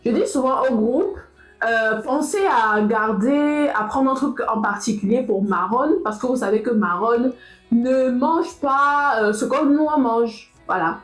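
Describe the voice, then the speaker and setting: A young woman talks straight to her viewers in a casual vlog, her voice lively and fairly high. The room around her is echoey, and faint music plays in the background. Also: a little slow. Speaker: vlogger.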